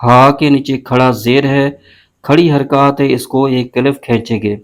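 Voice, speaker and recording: A man's voice: mid-range voice, fairly even intonation. Man teaching careful syllable-by-syllable recitation. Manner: slow, drawn-out spelling of syllables between brisk explanations. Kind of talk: word-by-word tajweed lesson.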